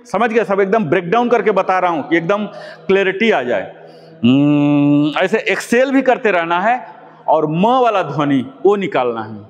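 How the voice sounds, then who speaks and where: A man teaching a live yoga class, his slightly high voice ringing with a long echo off the room. He breaks every step down patiently, repeating key words and dropping English terms into his explanations. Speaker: yoga instructor. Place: yoga class with students present. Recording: long echoing room reverb.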